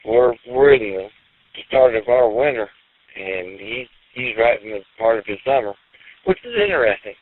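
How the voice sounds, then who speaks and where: A man's voice: medium pitch, moderate pace. A man from northwest Arkansas checking in on an amateur radio net, polite and a little rambling, heard over a ham radio link with static. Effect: heard over a ham radio link with static hiss. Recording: tinny radio transmission with faint hiss.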